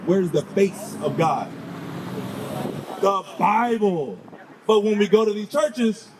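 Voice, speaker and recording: A man's voice: sits high, darkish tone, a little hiss or hum, rough recording. A man preaching on a city street, firing questions at his listeners and urging them on with 'come on'.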